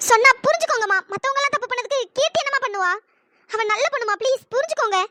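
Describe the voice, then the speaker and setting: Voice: very high voice, racing, pushed and bright. A performer voicing a caring young woman in a cartoon, pleading with her mother.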